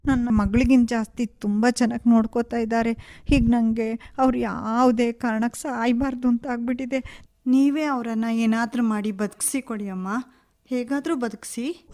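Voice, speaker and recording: A woman's voice: medium pitch, mellow, close to an everyday voice. An actress playing a young married woman who speaks with emotional, pleading urgency in a radio play. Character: desperate young married woman, daughter-in-law. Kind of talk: radio drama acting.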